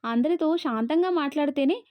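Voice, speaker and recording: A woman voicing a gentle, patient young wife who speaks in a soft, soothing manner. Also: high voice, brisk, dry recording, lightly acted. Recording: dull, dry lo-fi audio.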